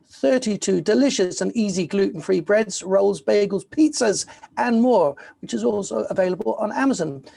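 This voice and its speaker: A man's voice: high voice, gravelly, dark tone, breathy edge. A man hosting a virtual festival, introducing the next guest in an upbeat way with frequent ums and uhs. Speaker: festival host.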